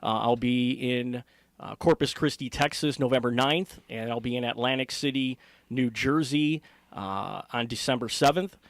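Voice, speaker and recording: A middle-aged man with an American accent speaks conversationally, as a ring announcer being interviewed. His voice sits at an average pitch and is recorded dry, with very little room sound. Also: moderate pace, no room sound.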